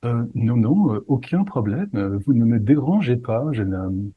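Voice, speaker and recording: A man voicing a refined, pompous gentleman with an affected, mannered voice. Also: mid-range voice, lively intonation, a little slow, phone-quality sound, a little hiss or hum, close to an everyday voice. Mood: pompous polite.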